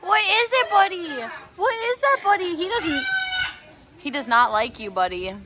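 A young woman vlogging on a sailboat, talking casually and cooing in a high sing-song voice to her puppy. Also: animated, a little slow, background noise. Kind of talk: casual vlog chat and voice-over. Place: outdoors, on a small sailboat.

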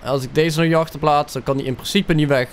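A young man with a Dutch accent, commentating his own gameplay, excitable, swearing and dropping English slang into his talk. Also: a little high, quick pace, slight background noise. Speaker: gaming YouTuber.

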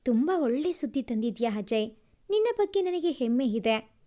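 Lady reading as a sad, steady young woman, earnest and pleading, high soft voice. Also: moderate pace. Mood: tender.

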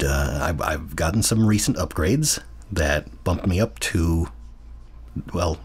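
A man's voice: low voice, husky. An American man in his thirties, hosting a casual let's-play, rambling, correcting himself and chuckling as he plays. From United States. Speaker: gaming channel host.

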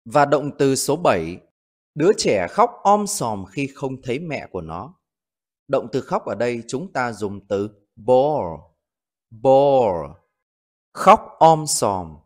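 A man teaching English vocabulary, repeating each example sentence slowly for learners. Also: mid-range voice, sing-song. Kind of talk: vocabulary lesson narration.

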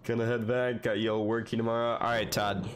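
A man's voice: medium pitch, flat delivery, fairly quick, noisy background. A man streaming a horror game, chatting and joking, with jumpy reactions to scares. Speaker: gaming streamer. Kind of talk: let's play commentary.

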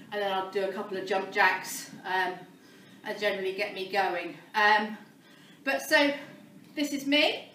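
Woman, out of breath, self-deprecating, bright voice, slow, recorded from afar. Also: medium pitch, roomy sound, recorded from a distance, a little hiss or hum, low-quality recording. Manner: self-deprecating, many ums. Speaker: vlogger documenting a fitness start. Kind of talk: casual self-filmed vlog. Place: barn, indoors.

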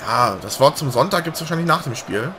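A man's voice: fairly high pitch, lively intonation, fairly quick, background noise. A man joking and agreeing as co-commentator on a football video game match. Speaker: let's play co-commentator. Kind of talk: casual co-commentary.

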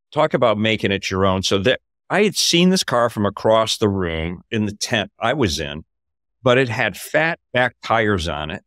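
An older man with a deep voice, a podcast host, tells a story casually over a video call from his home office, his pitch rising when he gets excited. The recording is dry and studio quality.

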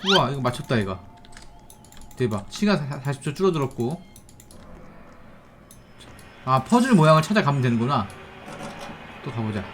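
A gaming host playing along with children, giving excited, exclamatory game commentary and saying each fear and next move aloud. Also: medium pitch, normal speed, long pauses, noisy background. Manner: exclamatory, narrates own fear and next moves.

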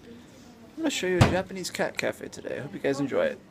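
This young man's voice is a little high, with wildly swooping pitch, fast delivery, and vocal fry. He's vlogging casually on a handheld phone in an indoor cafe, giggly and cooing baby-talk to the cats nearby. Room noise comes through on the phone audio.

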